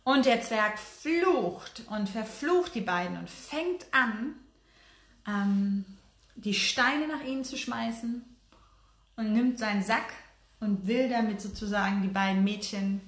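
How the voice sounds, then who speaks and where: A woman casually retelling a fairy tale, often pausing with fillers and correcting herself as she goes. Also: medium pitch. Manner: hesitant, many fillers and self-corrections. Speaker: storyteller. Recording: roomy echo.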